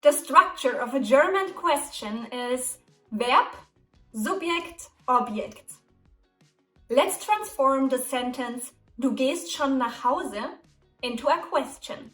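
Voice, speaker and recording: A woman teaching German in English, explaining sentence structure slowly and carefully. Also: high-pitched, lively intonation, a bit bright. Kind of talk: English lesson with German example dialogues. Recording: echoey room, music behind, mic at a distance.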